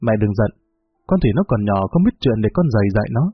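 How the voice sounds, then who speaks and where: A man voicing a flustered father pleading with his mother-in-law, husky voice, tinny recording with faint music. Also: lowish voice, lively intonation, quick pace, no echo. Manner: pleading, placating.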